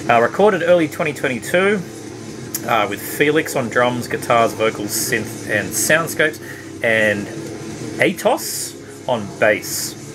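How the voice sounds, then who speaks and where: This middle-aged man, a vinyl-collecting vlogger, talks through a casual record review in a home room full of CD shelves, speaking slowly in a mid-range voice and rambling with many uhs and ums. Recorded by a camera at desk distance, the low-quality audio carries a hum and some faint tape music behind him.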